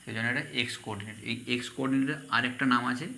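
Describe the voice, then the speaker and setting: A man's voice: mid-range voice, very fast, vocal fry, sharp tone, slight background noise. A man teaching a math lesson, asking questions and answering them himself.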